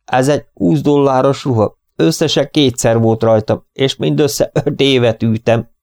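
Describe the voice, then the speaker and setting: A man doing a vain, fretful stage actor in an audiobook, his voice lifted high and theatrical. He complains in a self-pitying, dramatic manner, heard close and dry. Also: fairly even intonation, darkish tone, no room sound, close to an everyday voice. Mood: fussy.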